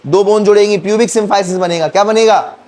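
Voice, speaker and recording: High-voiced teacher quizzing his class. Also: fast talker, darkish tone. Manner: quizzing students, counting bones aloud. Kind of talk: classroom lecture with call-and-response questions.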